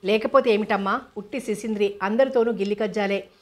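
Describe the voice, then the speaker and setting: A woman's voice: medium pitch, a little fast, lightly acted. A woman reading as a grumbling spiteful maid. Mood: scornful. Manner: scornful, grumbling.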